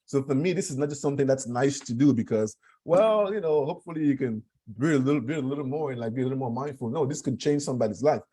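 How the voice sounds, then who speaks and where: A man's voice: mid-range voice, quick pace, few pauses, mellow, husky. A man from Cameroon speaking as a guest, earnest and emphatic, often repeating his phrases. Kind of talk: conversational talk.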